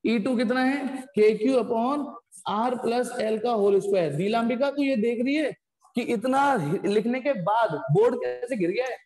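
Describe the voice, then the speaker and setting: In an online physics lesson, a man with a very high voice and darkish tone explains concepts step by step. Every so often he stops to bluntly scold the students. The room is echoey, with a long reverb.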